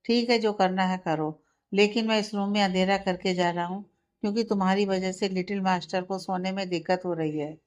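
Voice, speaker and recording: A woman's voice: mid-range voice, steady tone, brisk, close to an everyday voice. Storybook: exasperated, teasing young husband, read by a woman narrator. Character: young man, irritated but caring husband.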